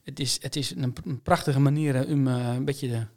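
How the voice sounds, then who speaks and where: A man with a broad eastern Dutch Low Saxon accent, a teacher talking casually in dialect. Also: fairly even intonation, a little fast, darkish tone. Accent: eastern Dutch regional (Low Saxon).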